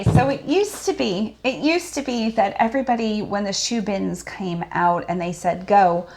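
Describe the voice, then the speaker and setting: A woman's voice: medium pitch, vocal fry. A woman hosting a casual chat as a thrift reseller, talking through items and their sizes and laughing easily. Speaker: thrift reseller and channel host.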